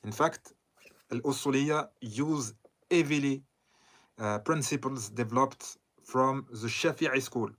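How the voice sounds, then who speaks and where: A man from southern Lebanon giving a lecture on a text, talking in a halting way with frequent pauses and self-corrections. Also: medium pitch, fairly bright tone. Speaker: Islamic scholar lecturing. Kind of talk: lecture commenting on a read text.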